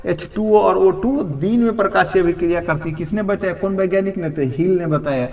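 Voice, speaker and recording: Hindi teacher drilling students, echoey room. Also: male voice, high voice, fairly quick. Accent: Bihari Hindi. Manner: drills students with repeated questions, calling them "babu". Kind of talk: classroom lecture at a board. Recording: roomy echo from a distant mic.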